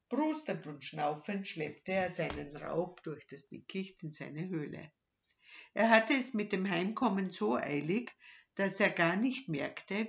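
Slow, lively woman reading a story. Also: sits low, vocal fry. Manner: lively, dramatic rises in tension. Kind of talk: expressive audiobook reading. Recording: dull lo-fi sound.

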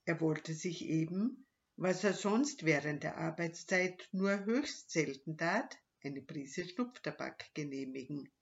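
A woman reading a children's story aloud with dramatic, lively delivery. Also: low voice, slow pace. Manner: lively, dramatic rises in tension. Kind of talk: expressive audiobook reading. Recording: dull lo-fi sound.

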